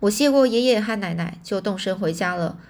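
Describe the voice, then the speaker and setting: A woman's voice: mid-range voice, a little fast, creaky, darkish tone. A woman narrating a novel in a casual reading style, often restarting phrases and adding fillers.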